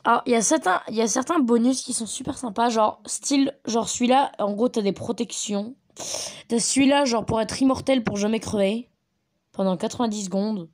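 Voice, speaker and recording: A woman giving rambling, chatty commentary on a mobile game from her bedroom at home. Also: fairly high pitch. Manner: chatty, rambling, quick to get excited. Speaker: gameplay commentator. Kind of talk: casual gaming commentary.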